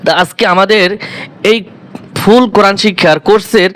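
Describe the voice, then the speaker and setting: A man with a fairly high voice teaching a step-by-step Quran recitation lesson. He patiently drills each letter sound, saying it over and over, and asks his students questions that he answers himself. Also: normal speed, fairly bright tone. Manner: patient, repeats each letter aloud several times.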